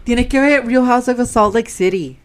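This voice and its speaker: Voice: mid-range voice, moderate pace. A sleepy young adult chatting casually in Spanglish, slipping English words into Spanish. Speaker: podcast co-host. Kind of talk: casual chat.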